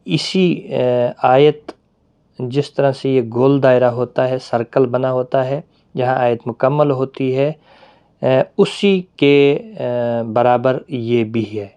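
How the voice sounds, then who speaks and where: A man teaching a Quran reading lesson, explaining patiently with pauses and drawn-out fillers. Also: mid-range voice, fairly even intonation, dark tone, clear, resonant tone, dull audio.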